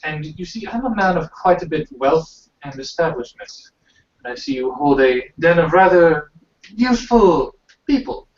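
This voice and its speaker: A man voicing a wealthy, pompous male merchant with a put-on British accent, haggling in a smooth, courteous way. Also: fairly high pitch, lively intonation, normal speed, natural voice. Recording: roomy, distant, dull amateur recording.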